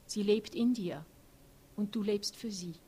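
A woman reading aloud and voicing a patient man who calms his companion, with little change from her own voice. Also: medium pitch, measured pace, husky. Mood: soothing. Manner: soothing, defensive.

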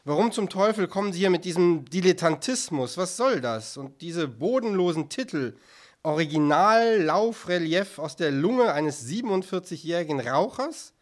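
A man's voice: fairly high pitch, moderate pace, few pauses, a bit bright, pitched above the performer's own voice, close to an everyday voice. A man reading an audiobook, voicing an indignant, stiff male museum director who scolds in a raised voice. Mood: outraged. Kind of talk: audiobook character voice.

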